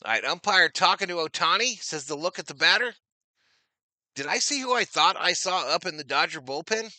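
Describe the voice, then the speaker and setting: A man doing casual live-stream baseball play-by-play, chatting with viewers and getting loud on big plays. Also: high voice, expressive, moderate pace, dry recording.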